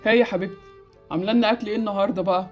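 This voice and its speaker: A woman's voice: mid-range voice, steady tone, very fast, darkish tone, soft background music, natural voice. A woman with an Egyptian accent voicing a good-hearted but decisive husband in an amateur game animation. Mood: affable.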